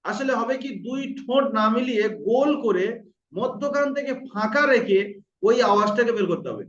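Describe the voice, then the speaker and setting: A man teaching Quran pronunciation, patiently repeating each sound slowly to demonstrate it. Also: very high-pitched, expressive, fairly bright tone. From India. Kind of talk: online lesson on pronunciation. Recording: roomy, distant, dull lo-fi sound.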